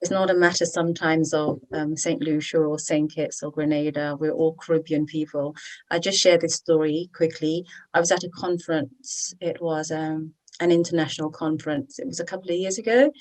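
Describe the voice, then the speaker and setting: A woman's voice: low voice, steady tone, normal speed, a little mellow, rough recording. A woman hosting a webinar on citizenship services, chatty and encouraging, often checking in with "okay?". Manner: chatty and encouraging, with tag questions. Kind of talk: persuasive presentation.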